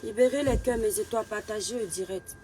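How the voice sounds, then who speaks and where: A woman hosting a casual live stream, warmly greeting viewers one by one and urging them to share. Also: medium pitch, a little fast, slight background noise. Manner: greets viewers by name, affectionate.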